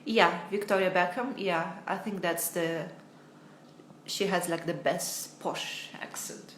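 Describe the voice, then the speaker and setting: A young American woman with a lowish, fairly bright voice speaks slowly and with fairly even intonation. She's teaching English from home on a casual phone livestream, chatty, faltering, and self-deprecating, often laughing at herself. Slight background noise and roomy echo are audible.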